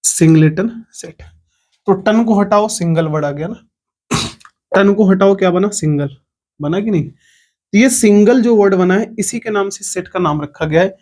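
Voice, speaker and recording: High-voiced man teaching a maths lesson. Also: unhurried, darkish tone. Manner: explains step by step, asks the class questions. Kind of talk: online lecture.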